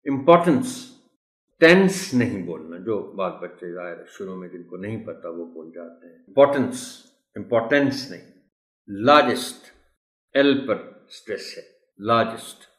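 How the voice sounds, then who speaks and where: Man, low-pitched pronunciation teacher, unhurried, formal and patient, recorded in a roomy space. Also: lively intonation. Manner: slow, deliberate, repeats words to model stress; addresses listeners politely and formally. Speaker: English pronunciation tutor for teachers. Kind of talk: tutorial lesson explaining pronunciation.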